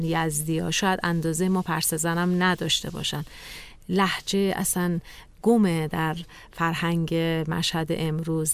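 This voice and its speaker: A talk-show co-host putting a question to the guests in an even, measured way. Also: medium pitch, creaky. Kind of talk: studio talk show discussion.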